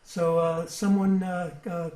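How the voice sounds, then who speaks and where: A man leading a songwriting workshop over a video call, brisk and coaxing, with some hesitant fillers. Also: high-pitched, flat delivery, reverberant, noisy background.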